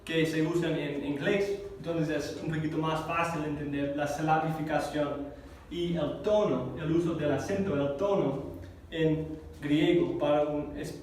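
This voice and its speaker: A man teaching a Greek class, explaining slowly and carefully, repeating words and correcting himself as he goes. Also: on the high side, darkish tone, a little hiss or hum. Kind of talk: classroom lesson. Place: church classroom. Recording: echoey room recorded from a distance.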